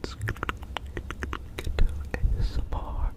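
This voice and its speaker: A man speaking in a breathy, unvoiced ASMR whisper, rambling through semi-intelligible storytelling. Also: slow pace. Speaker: ASMR video creator.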